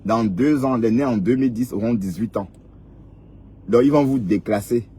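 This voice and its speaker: A man's voice: mid-range voice, normal speed, warm tone, husky. A man in his fifties giving lecturing advice in a casual vlog monologue, repeating points and prodding listeners with "hein?". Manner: lecturing, repetitive, frequent "hein?". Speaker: vlogger.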